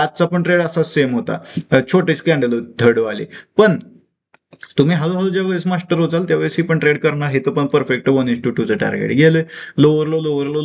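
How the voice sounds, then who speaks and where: A man teaching a live trading session, asking quick questions and answering them himself. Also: fairly high pitch, creaky.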